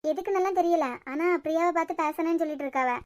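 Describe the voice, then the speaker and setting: A woman's voice: extremely high pitch, racing, darkish tone, no echo, clean studio sound. A woman with a Kanyakumari Tamil accent voicing emotional cartoon serial dialogue. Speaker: cartoon voice artist.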